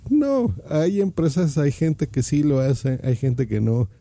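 A man's voice: a little high, big pitch swings, slow pace, warm tone. A man with a Mexican accent hosting a podcast, talking casually and playfully to his listeners while recording on a phone in his office. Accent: Mexican Spanish. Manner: playful and chatty, addresses listeners directly. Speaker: podcast host.

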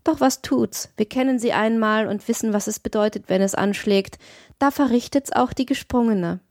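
A woman voicing a shy, wistful young peasant girl who speaks softly and bashfully, in a lifted voice. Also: fairly high pitch, normal speed, no room sound, clean studio sound, natural voice. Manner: soft, bashful, sighing.

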